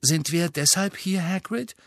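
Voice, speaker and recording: A man's voice: high voice, a little slow, a bit bright, no room sound, studio quality, voice pushed up. A man voicing a clever, earnest teenage girl in an audiobook, asking careful questions. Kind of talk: audiobook character voice.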